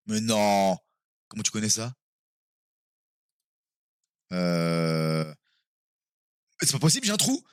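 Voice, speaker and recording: A man streaming live and playing a quiz game with his viewers, excitable and quick to exclaim and swear when he is stuck. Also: medium pitch, no room sound, clean studio sound.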